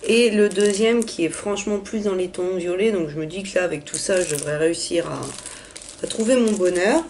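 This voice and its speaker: Young woman, hoarse and raspy from a cold, slightly low voice, hesitant casual vlog, faint background noise. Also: fairly quick, a little mellow. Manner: chatty, many hesitations. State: hoarse from illness. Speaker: vlogger. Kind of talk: casual haul video.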